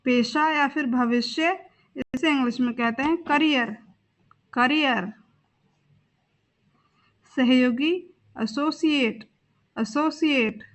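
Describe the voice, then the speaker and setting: A woman's voice: high-pitched, takes it slowly, pauses often. A young woman teaching a vocabulary lesson. She says each word twice and spells words out letter by letter. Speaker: English teacher.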